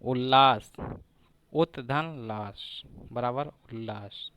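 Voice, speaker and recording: A man with a medium-pitched, slightly bright voice teaches grammar for an exam, slowly taking each example apart word by word and repeating it. There is slight background noise.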